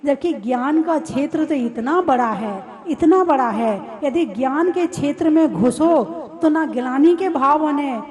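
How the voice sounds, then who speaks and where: High-voiced woman preaching slowly. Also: animated. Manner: conversational, teasing, asks the crowd questions. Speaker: Jain nun preaching. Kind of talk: sermon to a live audience. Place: hall with a live audience.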